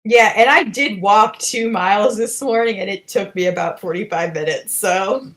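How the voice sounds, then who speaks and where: A woman's voice: mid-range voice, normal speed, a bit bright. Easygoing woman game master. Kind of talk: running a tabletop game.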